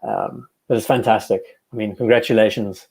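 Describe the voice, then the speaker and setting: Hosting a laid-back live stream, a twenty-something man chats, reads viewers' comments aloud, reacts to them, and self-corrects as he goes. His voice is lowish, gravelly, and husky with a darkish tone, delivered at a moderate pace with fairly even intonation.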